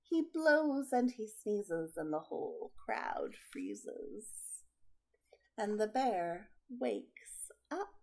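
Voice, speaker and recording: A woman's voice: medium pitch, big pitch swings, extremely slow. A woman hosting a children's story time, reading and chatting expressively while getting over a cold. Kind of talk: expressive picture-book reading and friendly address to children.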